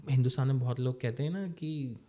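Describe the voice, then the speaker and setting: A man's voice: medium pitch, fast, mellow. A young man, a startup founder, talking in a casual podcast chat, making points emphatically and repeating them, dropping English phrases.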